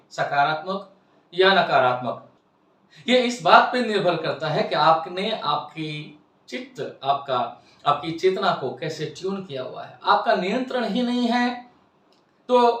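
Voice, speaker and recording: A man's voice: sits high, fairly bright tone, reverberant, recorded from a distance. A man, a wellness host persuasively and emphatically explaining ideas to his viewers. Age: 60s. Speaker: health and wellness channel host. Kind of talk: explanatory talk to camera.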